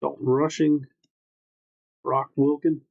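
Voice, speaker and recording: A man's voice: a little high, little pitch movement, slow pace, creaky, breathy edge, narrow, tinny audio. A man hosting a livestreamed trading card break, calling out names matter-of-factly in short clipped phrases.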